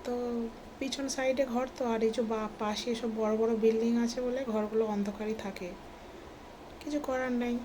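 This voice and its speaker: A woman in her thirties narrating a casual home vlog as a mother, chatty and full of fillers, often speaking softly indoors. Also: fairly high pitch, fairly even intonation, normal speed. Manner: chatty, filler-heavy, talks softly at times so the baby keeps sleeping. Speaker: vlogger and mother. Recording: home recording with clear background noise.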